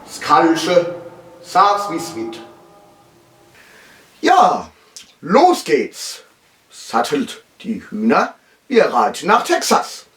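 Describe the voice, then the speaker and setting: A whooping, folksy Palatine yokel, bursting out of the speakers in higher and louder bursts than the host's own voice, as a man puts him on. He has a thick Palatine accent and sounds a bit far off in a roomy space. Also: full character voice. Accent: Palatine German. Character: rowdy folksy male Palatine local character.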